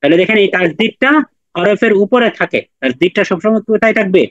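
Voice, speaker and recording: A man's voice: sits high, fast, fairly bright tone, dry recording. Patient male Quran teacher, dull audio. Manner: patient, repeats and drills with students. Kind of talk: online class lesson.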